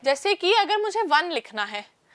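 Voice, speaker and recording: Speaking at a measured pace in a very high, fairly bright voice with big pitch swings, a woman explains a maths lesson step by step for an online class. She calls the listeners "children," asks questions and answers them herself, and there's no room sound.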